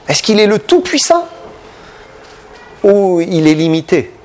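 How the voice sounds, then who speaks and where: Impassioned preacher man with lively pitch. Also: a little slow, a little hiss or hum. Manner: impassioned, questioning the listeners, big pitch swings. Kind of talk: sermon.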